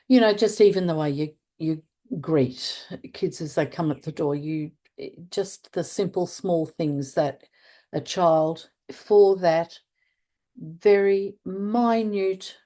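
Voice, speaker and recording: In a conversational interview, an older Australian woman who trains people in restorative practice talks earnestly. She has a low-pitched, warm voice, hunts for words at times, and emphasizes what matters most.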